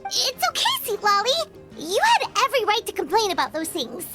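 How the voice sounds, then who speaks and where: A woman voicing a tiny, cheerful female companion creature in a video game, with a squeaky, childlike voice. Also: big pitch swings, brisk, over music.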